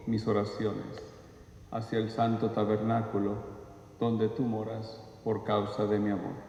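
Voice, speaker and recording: A man leading devotional prayers at Mass, reciting solemnly in short, measured phrases. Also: lowish voice, gravelly, dark tone. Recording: muffled, very echoey church sound.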